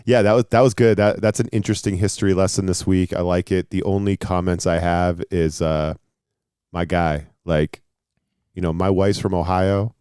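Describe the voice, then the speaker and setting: A man's voice: low voice, fairly even intonation, normal speed, dark tone, clear, resonant tone, dry recording. Man, casual co-host, laid-back, teasing, dry close sound. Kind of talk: casual chat.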